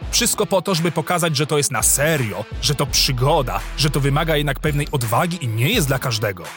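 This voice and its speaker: A man's voice: on the high side, expressive, brisk, a bit bright, faint music behind. A man delivering satirical scripted commentary as narrator, with a sarcastic, mocking manner.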